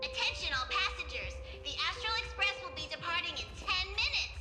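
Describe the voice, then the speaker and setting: A woman voicing a tiny, fussy creature train conductor, making a formal boarding announcement over a loudspeaker in a game cutscene. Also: animated, a little fast. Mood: urgent. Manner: shrill, formal announcer call. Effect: ship tannoy-style loudspeaker announcement. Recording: echoey hall announcement from far off with loud music.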